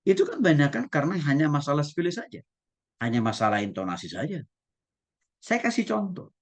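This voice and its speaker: Animated male pastor teaching a sermon. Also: on the high side, a little fast. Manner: lively, asks listeners questions, acts out examples.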